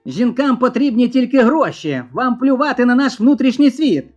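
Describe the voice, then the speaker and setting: A woman reading a string of short jokes, dropping her voice low for the male characters. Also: expressive, normal speed, a little mellow, highs cut off, faint music behind. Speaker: joke narrator.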